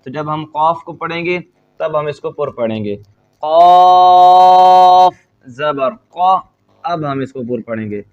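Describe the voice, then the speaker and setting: A man teaching a Quran reading lesson, rattling off quick explanations and then spelling out letters and syllables slowly and loudly. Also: on the high side, fairly even intonation. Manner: quick explanations between slow, loud, drawn-out spelling drills. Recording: dull lo-fi recording.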